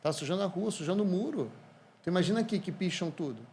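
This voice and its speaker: A Brazilian man, a podcast guest, telling lively anecdotes in casual conversation. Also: high voice, quick pace, a little hiss or hum. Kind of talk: casual storytelling.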